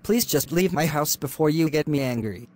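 A man voicing a harsh, insulting young husband in an animated drama. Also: fairly high pitch, normal speed, lightly acted. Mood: angry. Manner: insulting, domineering shouts.

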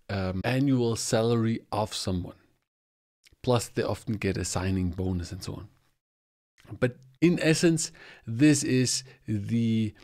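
Man, forties, solo podcast host. Mid-pitched and explanatory. Close boom mic in a small home studio. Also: a little mellow. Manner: explanatory, talks with his hands. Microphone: podcast mic on boom arm, close.

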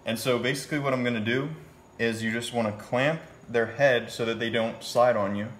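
A man's voice: mid-range voice, fairly even intonation, brisk, fairly bright tone. A young man in his twenties narrating his fishing trip from a small boat, upbeat and counting catches as he goes. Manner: upbeat, play-by-play tallying catches. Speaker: fishing vlogger. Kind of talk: casual fishing vlog narration. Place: small boat on a river, outdoors. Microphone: handheld phone camera. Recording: noisy outdoor phone recording.

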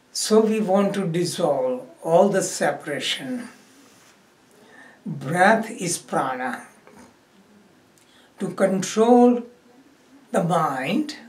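A man with a voice on the high side leads a guided meditation at an extremely slow pace, giving instructions in short phrases broken by pauses. The recording has a roomy echo, with the microphone set some distance away.

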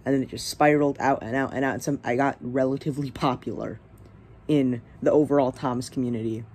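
A teenage channel host with a medium-pitched, steady, slightly mellow voice talks fast in a casual rambling vlog. He's hesitant, full of fillers and restarts, with slight background noise behind him.

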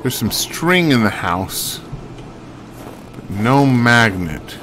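A game streamer offers casual, rambling commentary on a video game, musing wryly and thinking out loud. His voice is medium in pitch with big swings up and down, and he speaks slowly. The background is noisy.

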